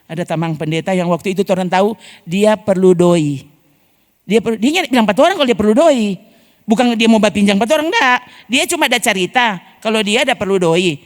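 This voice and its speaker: A woman's voice: mid-range voice, lively intonation, fast talker. A woman pastor with a Manado Malay accent, telling a personal testimony in a sermon and often addressing the congregation. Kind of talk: storytelling sermon. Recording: long hall reverb.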